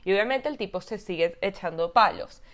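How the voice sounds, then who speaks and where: A woman in her twenties with a Venezuelan Spanish accent, telling a story in casual chat, animated and exasperated, swearing freely. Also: mid-range voice, brisk. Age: 20s.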